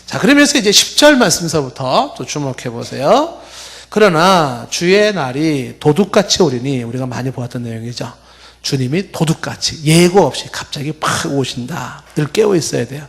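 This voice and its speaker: A middle-aged man preaching a teaching sermon in a high, lively voice that swings widely in pitch. He walks through scripture and asks himself rhetorical questions to explain each point. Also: fairly quick, vocal fry. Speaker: pastor. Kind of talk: expository sermon.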